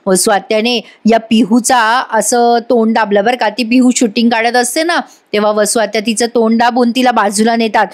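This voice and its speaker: Female recap narrator: chatty, addresses viewers, a little high-pitched. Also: fairly even intonation, normal speed, hardly any pauses. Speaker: tv serial reviewer. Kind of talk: voice-over episode recap narration.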